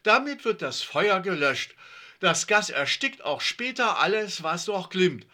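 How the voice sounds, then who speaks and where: A man's voice: sits high, very animated, unhurried, bright, forceful tone, voice pushed up, full character voice. A man voicing an earnest schoolboy who explains a homemade experiment. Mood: earnest explaining.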